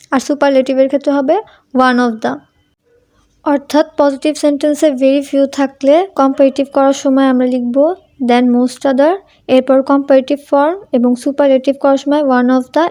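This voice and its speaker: High-voiced woman teaching grammar. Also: warm tone. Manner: asks students questions and answers them herself; addresses students informally as tumi. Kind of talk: Bengali-language grammar lesson.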